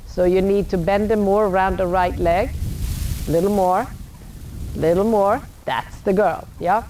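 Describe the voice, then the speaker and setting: Female riding coach, outdoor arena with light ambient noise. Blunt, brisk, projected commands in short repeated phrases. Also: mid-range voice, mellow. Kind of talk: live horse-riding lesson, calling out instructions.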